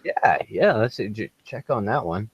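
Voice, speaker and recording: A man with a lowish voice hosts a relaxed podcast chat, trading jokes and laughing easily. The recording is close and dry, with no room echo. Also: normal speed, slightly rough, muffled recording. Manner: joking, laughs often. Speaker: podcast host. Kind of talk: casual chat.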